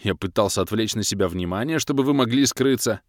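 A man's voice: lowish voice, brisk, no echo, studio quality, close to an everyday voice. A man voicing a sad, whiny male prisoner who drawls his protests.

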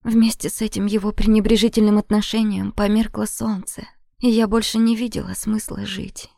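A woman narrates a first-person romance audiobook with a breathy, intimate delivery that often sinks into a whisper. Her voice is mellow with a gravelly edge. The recording sounds close and dry. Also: mid-range voice, little pitch movement, moderate pace, no echo.

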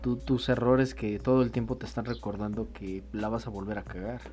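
A man co-hosting a casual podcast, his voice soft and mellow. He talks in an animated way, swears freely and thinks aloud with many restarts. Faint music sits underneath. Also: on the low side, brisk. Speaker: podcast co-host. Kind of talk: casual chat about song lyrics.

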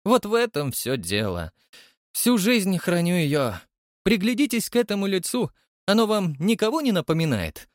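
A man voicing a triumphant old male chairman who believes in fate, speaking in drawn-out, exclamatory bursts. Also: high voice, sing-song, dry recording, studio quality, pitched above the performer's own voice. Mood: fervent. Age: older. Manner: exclamatory, drawn-out emphatic words.

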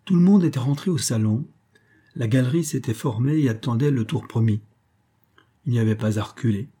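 A man narrating an audiobook of an old tale, in a measured and expressive way. His voice is very dark and mellow. It carries a husky grain throughout. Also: mid-range voice. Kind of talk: audiobook reading of a classic tale.

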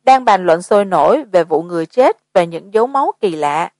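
A woman's voice: on the low side, lively intonation, brisk, darkish tone, no room sound. Woman narrating a horror audiobook. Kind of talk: scripted narration.

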